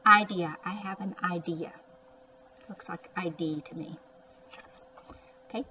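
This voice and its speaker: Breaking words into their sounds and then repeating them, a woman teaches young children to read at a very unhurried pace, dropping chatty little remarks along the way. Her voice sits on the low side with fairly even intonation. Faint noise lingers behind her in a muffled recording taken from a bit of a distance.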